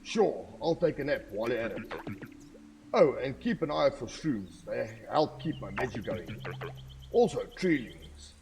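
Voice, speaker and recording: A man's voice: mid-range voice, very animated, unhurried, creaky, crowd noise. A man voicing the sleepy guardian spirit of a sanctuary tree in a video game, speaking in a dry, weary, teasing way.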